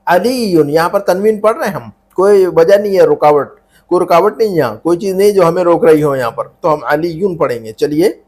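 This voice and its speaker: A patient male Arabic teacher with a noticeably high voice. He explains each grammar rule step by step, repeats it several times, and keeps quizzing his students with questions. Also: a little fast, darkish tone. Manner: mixes Hindi-Urdu with Arabic terms. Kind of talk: online Arabic grammar lesson.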